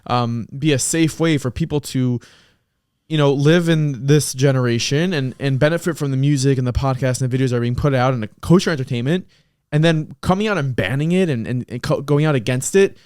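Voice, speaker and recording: A man hosting a podcast in casual debate chat, animated and pushing his points with pressing questions. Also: mid-range voice, a little fast, smooth, no echo, studio quality. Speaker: podcast host.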